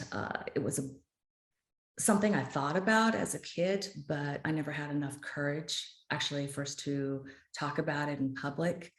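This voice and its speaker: Speaking with conviction in a podcast interview, this American guest author is a woman in her fifties whose low voice sounds roomy. She comes across as earnest and impassioned.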